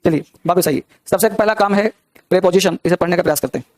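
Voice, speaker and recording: Young guy teacher going over grammar, high-ish voice, keeps asking the class questions, dry close sound. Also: fast, a little mellow, dry recording. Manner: explains step by step with many rhetorical questions. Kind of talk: classroom lesson.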